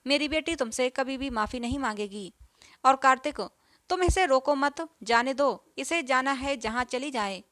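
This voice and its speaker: Lady doing a bossy mother-in-law, cold and dismissive, high dry voice. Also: normal speed, sharp tone, dry recording. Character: stern domineering older mother-in-law.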